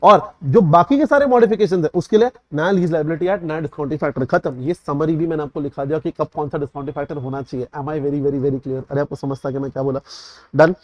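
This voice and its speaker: A young man teaches at a rapid clip, his voice a little higher than most. The sound is dry and close. He keeps checking that his students have understood. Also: darkish tone, no echo, lo-fi sound. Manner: repeatedly checks understanding, mixes English terms into Hindi. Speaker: CA exam tutor. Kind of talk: revision lecture.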